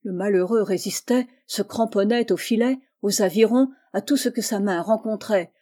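A woman giving a measured, expressive reading of a literary story. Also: medium pitch. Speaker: reader.

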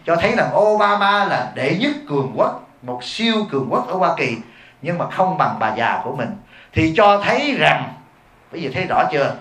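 A man's voice: a little high, sing-song, normal speed, a bit bright. A man, a Buddhist monk giving a sermon to a live audience, blunt and emphatic, often asking the audience questions. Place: hall before a live audience. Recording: echoey hall.

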